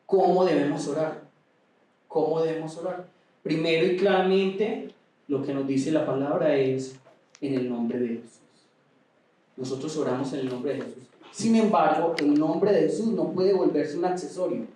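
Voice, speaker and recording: A man preaching a sermon with passion, at times raising his voice almost to a shout. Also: fairly high pitch, normal speed. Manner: impassioned preaching, rising to near shouts at times. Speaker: pastor. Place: large echoey auditorium. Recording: echoey hall, mic at a distance.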